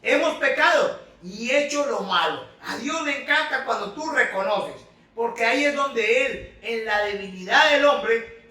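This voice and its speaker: High, bright-voiced man preaching in an echoey room. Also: distant mic. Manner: emphatic, asks questions and answers them. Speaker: spiritual coach. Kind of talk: preaching talk. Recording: echoey room, away from the mic.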